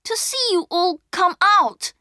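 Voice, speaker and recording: A woman voicing a brave young boy who leads his siblings, in a high excited child voice for a storybook reading. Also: takes it slowly, no echo, studio quality, exaggerated voice. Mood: earnest.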